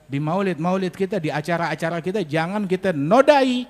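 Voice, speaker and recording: Preacher guy, high voice, lively sermon, echoey hall. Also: normal speed. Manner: animated, rhetorical questions, colloquial. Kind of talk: sermon at a religious gathering.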